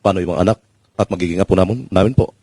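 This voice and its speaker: A former soldier speaking on a panel, earnest and pleading, polite and respectful. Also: male voice, deep voice, fast talker, a little mellow, no room sound. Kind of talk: personal testimony in a panel.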